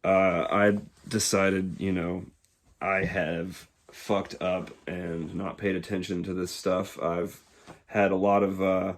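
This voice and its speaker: A man in his twenties from Georgia, speaking in a casual, reflective monologue that pauses often to find the words. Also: sits low, level tone. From Georgia, USA. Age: 20s. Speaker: YouTuber.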